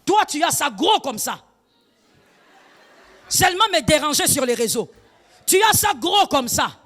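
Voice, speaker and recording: A woman pastor, preaching an emphatic sermon full of rhetorical questions, slipping in Lingala phrases and shouting at the high points. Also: big pitch swings, a little slow, big-room sound.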